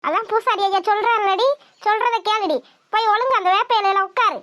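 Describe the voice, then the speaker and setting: Woman playing a high-pitched scolding old grandma in a village cartoon, dry close voice. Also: brisk, a bit bright, dry recording. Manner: scolding, nagging, dramatic wailing.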